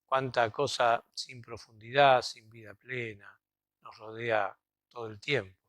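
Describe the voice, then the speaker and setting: A man's voice: mid-range voice, fairly even intonation, unhurried, a bit bright, no room sound. Argentine man preaching a reflective homily. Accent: Argentine Spanish. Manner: conversational, reflective, frequent checking tags like "¿no?" and "¿vieron?". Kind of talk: sermon. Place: cathedral.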